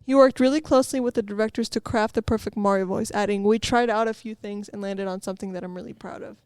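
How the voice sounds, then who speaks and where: A woman's voice: mid-range voice, steady tone, quick pace, darkish tone, clean tone, no echo. A woman co-hosts a casual movie podcast, asking pointed questions and pushing back. The sound is dry and close. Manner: questioning, argumentative. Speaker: podcast co-host. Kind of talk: casual chat.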